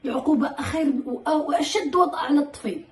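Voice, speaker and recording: Fast-talking woman. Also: high voice, roomy sound, rough recording. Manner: animated, addresses listener as "darling", acts out her own dialogue with the child. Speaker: parenting advice speaker. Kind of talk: casual advice talk to mothers.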